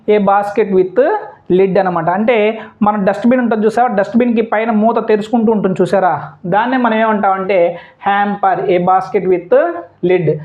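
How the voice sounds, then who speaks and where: A woman teacher runs an exam-prep lesson, repeating questions and answers and mixing English words into her explanations. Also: medium pitch. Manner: repetitive question-and-answer drilling. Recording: dull lo-fi audio.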